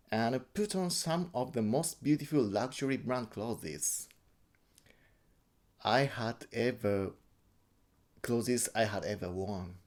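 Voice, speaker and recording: Man, Japanese accent, medium pitch, slow pace, halting delivery with repeated words, first-person account. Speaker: interviewee.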